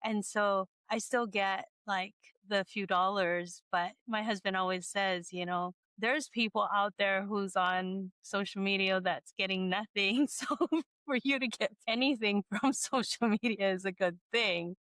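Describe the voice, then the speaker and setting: A middle-aged woman from Hawaii, hosting a casual interview, chatty and quick to laugh, often restarting her sentences. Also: mid-range voice, fairly even intonation, fairly bright tone, clear, resonant tone, dry recording. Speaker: podcast host.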